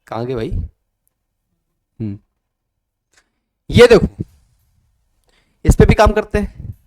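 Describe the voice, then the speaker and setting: A man teaching an English grammar lesson, coaxing students and repeating their answers in a lively classroom manner. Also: high voice, extremely slow, no echo, studio quality.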